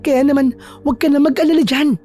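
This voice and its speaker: A woman voicing a feisty young woman who is a loyal friend, talking in a brisk, scolding but reassuring way. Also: high voice, fairly even intonation, mellow, faint music behind, close to an everyday voice. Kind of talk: storytelling with acted dialogue.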